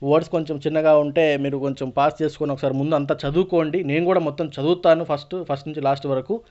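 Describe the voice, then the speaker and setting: A man's voice: a little high, steady tone, quick pace, mellow. A man with a Telugu accent teaching an online exam-prep lesson, explaining as he goes and mixing Telugu with many English words. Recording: dull, lo-fi voice recording.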